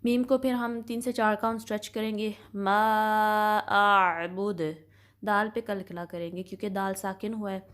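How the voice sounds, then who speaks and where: A woman teaching Quran recitation in a methodical tajweed lesson, her voice held level and even with little rise or fall. She explains each sound patiently and checks in often with her students. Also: medium pitch. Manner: patient, methodical explaining with slow drawn-out demonstrations; frequent reassuring check-ins.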